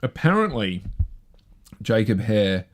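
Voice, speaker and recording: A man hosts a live show in a loose, rambling, chatty way, often poking fun at himself. His voice sits a little low. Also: very animated, takes it slowly. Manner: rambling, chatty, self-deprecating. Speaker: host. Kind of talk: casual live show chat.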